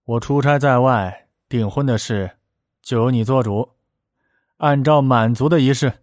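A stern, calculating imperial minister, voiced by a male storyteller, measured and commanding. The voice stays near an ordinary man's pitch, recorded dry and close. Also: a little mellow, no room sound, natural voice.

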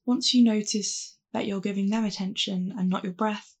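A woman guides a calm grounding exercise for mindfulness meditation, offering gentle, reassuring instructions in a husky, creaky voice. Her voice sits in the mid range at a moderate pace.

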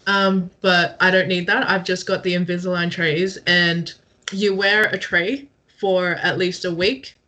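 A woman's voice: lowish voice, level tone, unhurried, bright, forceful tone. A young woman co-hosting a casual podcast over a call, explaining things step by step and laughing easily. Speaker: podcast co-host. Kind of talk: casual chat. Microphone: remote call.

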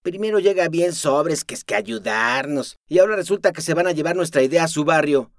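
Picture a raging young tough spitting street slang, his voice shoved up high and loud as he hurls insults in quick bursts. A man puts him on as the reader of an audiobook. The sound is close and dry. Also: gravelly, dry recording. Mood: furious. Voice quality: shouting, cursing, rapid bursts.

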